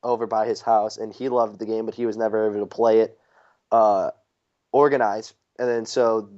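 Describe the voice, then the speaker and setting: A man's voice: fairly low pitch, little pitch movement, normal speed, a little mellow. Rambling young man on lo-fi audio. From St. Louis area. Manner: rambling storyteller with frequent fillers. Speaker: podcast co-host. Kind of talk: casual chat. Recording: dull lo-fi podcast audio.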